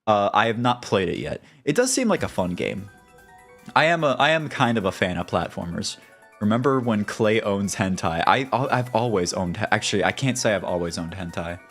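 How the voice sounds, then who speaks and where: A man's voice: fairly low pitch, lively intonation, moderate pace, a bit bright, faint music behind. A young American man chatting casually on a stream, rambling and swearing, with many stammered restarts as he rants. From United States.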